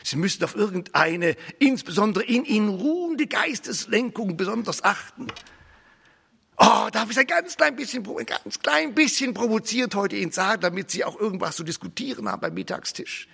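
A man delivers a sermon with a high, lively voice that climbs and drops sharply. His tone is bright and gravelly with a husky edge. He repeats phrases for emphasis and drops to near-whispers between loud declarations. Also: normal speed, long reverb tail. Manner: emphatic, repetitive, dramatic swings between loud and hushed. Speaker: preacher.

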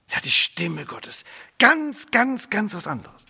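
A man preaching a sermon, emphatic and repetitive, swinging between loud declarations and hushed, near-whispered lines. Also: sits high, big pitch swings, takes it slowly, slightly rough, long reverb tail.

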